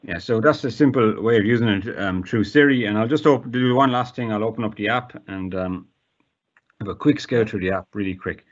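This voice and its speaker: An Irish man with a lowish voice, appearing as a guest, gives a casual, informal demonstration of accessible technology at a brisk pace with some hesitation. The audio is lo-fi.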